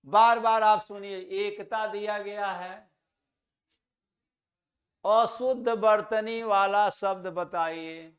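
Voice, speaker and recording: A man with a high, steady and somewhat bright voice teaches Hindi grammar to exam students. He asks questions and answers them himself, repeating key words slowly to stress correct pronunciation.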